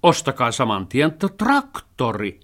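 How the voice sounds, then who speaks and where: A man voicing an eager, excitable male dog in a storybook reading, full of wishes and engine noises. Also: mid-range voice, voice pushed up.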